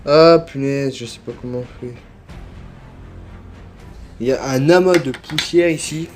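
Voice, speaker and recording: Soft music plays as a toy collector vlogger unboxes his haul in an unhurried, mid-range voice. His casual talk is halting and filler-heavy with frequent self-corrections, and he shoots it all on a handheld phone rather than a tripod.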